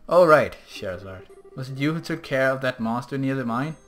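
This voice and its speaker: A man's voice: medium pitch, animated, fairly quick, a bit bright, soft background music, natural voice. A man voicing an arrogant, dismissive male swordsman from a video game. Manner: dismissive, curt.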